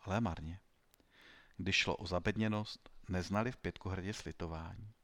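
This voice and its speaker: A man narrating an audiobook story in a wry, even storytelling manner. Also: deep voice, no echo. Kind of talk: audiobook reading.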